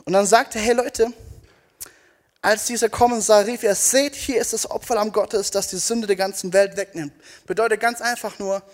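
Eifriger Prediger mit hoher Männerstimme. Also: male voice, high-pitched. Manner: emphatic, rhetorical questions to the audience. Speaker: preacher. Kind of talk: energetic youth sermon. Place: stage before a live audience.

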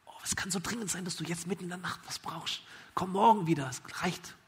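A man voicing a tired, grumpy father woken at night, talking low and hushed in a grumble. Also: fast talker.

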